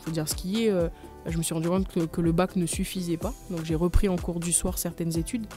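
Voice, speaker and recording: A woman's voice: fairly low pitch, fairly even intonation, a little fast, mellow, soft background music. A woman, a company manager explaining her path earnestly in a radio studio interview. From New Caledonia. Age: 20s.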